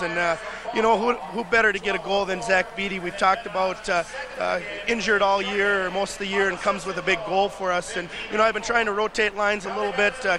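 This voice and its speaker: A male hockey coach answering interview questions, halting with many fillers. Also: high-pitched. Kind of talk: sideline interview.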